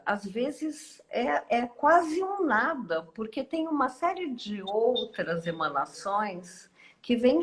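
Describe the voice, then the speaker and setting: A woman with a Brazilian Portuguese accent, a guest speaker giving a reflective live-stream talk with many pauses and tag questions. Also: fairly high pitch, a bit bright, a little hiss or hum. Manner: slow, thoughtful, with frequent pauses and tag questions. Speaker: guest speaker and course teacher.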